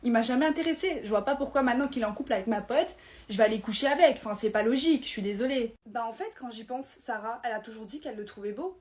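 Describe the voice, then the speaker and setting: Young woman, comedy skits, sassy and slangy, fast delivery, slightly high voice. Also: darkish tone. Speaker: comedy sketch creator. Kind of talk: acted comedy skits playing teen girls.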